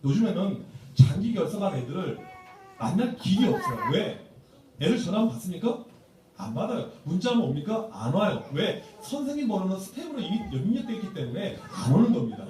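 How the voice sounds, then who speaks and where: A pastor gives a humorous seminar talk to church teachers in a church sanctuary, telling stories playfully and acting out quotes. His voice is high, very animated, a little fast and darkish, captured from far off in an echoey hall with slight background noise.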